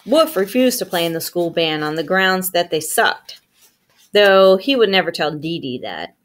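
A woman reading a novel aloud with steady storytelling, giving the characters their own voices. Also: lowish voice, moderate pace. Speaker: audiobook reader.

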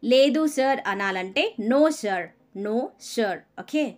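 A woman with a Telugu accent teaching spoken English. She gives a phrase in Telugu, then says the English slowly and repeats it. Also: fairly high pitch, animated, faint music behind.

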